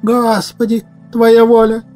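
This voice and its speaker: A man voicing an elderly peasant mother who fusses and wails in a high voice. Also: monotone, slow, a little mellow, soft background music. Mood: fretting. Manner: high wailing fuss.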